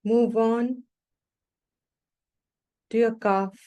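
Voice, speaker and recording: A woman with a slightly high voice teaches a guided meditation, offering short and calm directions with long pauses in between. The recording sounds muffled.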